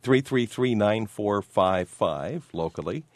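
Smooth radio host guy, real low voice, dry studio sound, easy call-in show patter. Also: expressive, slow pace, no echo. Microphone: studio microphone.

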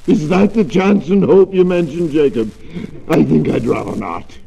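A man voicing a frightened, miserly old man who pleads in an agitated voice that climbs higher. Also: steady tone, normal speed, creaky, mellow, slightly rough. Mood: pleading. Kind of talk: storybook reading.

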